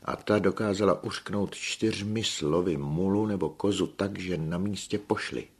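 A man's voice: low-pitched, breathy edge, voice pushed up. A man voicing a superstitious old village woman, insistent, in an audiobook.

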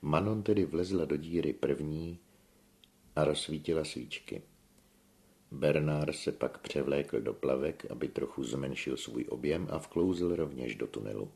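A man reading a novel aloud as an audiobook narrator with a steady storytelling delivery. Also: a bass voice, vocal fry.

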